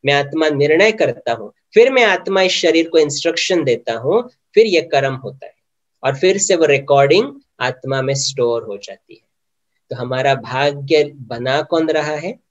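A man giving a spiritual meditation lecture, often putting questions to his listeners and mixing English words into his talk. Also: mid-range voice. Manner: asks the audience many questions; mixes English words into Hindi. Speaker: meditation teacher.

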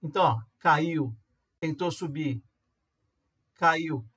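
A man with a Brazilian Portuguese accent gives a casual, chatty tutorial on reading charts as an amateur trader. He checks in with listeners using quick tags and acts out their questions. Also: on the high side, fairly bright tone, breathy edge. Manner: acts out viewers' questions in a livelier voice. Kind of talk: casual screen-recorded tutorial.

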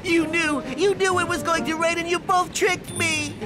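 A woman's voice: very high voice, fairly even intonation, normal speed. A woman voicing a sulky, melodramatic boy diesel locomotive in a children's cartoon, with music behind. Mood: hurt, sulky. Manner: pouty, melodramatic. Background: loud music.

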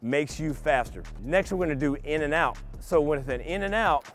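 A man's voice: a little high, lively intonation, normal speed, faint music behind. Middle-aged male coach explaining drills patiently. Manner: patient step-by-step explaining to kids. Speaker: basketball coach. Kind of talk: instructional clinic demonstration. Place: large empty indoor basketball arena.

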